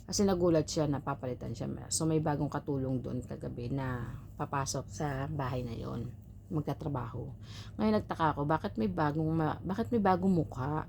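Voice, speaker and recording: Low-voiced woman telling a story. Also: normal speed, vocal fry, darkish tone, slight background noise. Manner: chatty, advice-giving, rhetorical "right?" tags. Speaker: domestic helper vlogger. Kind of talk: casual storytelling to viewers.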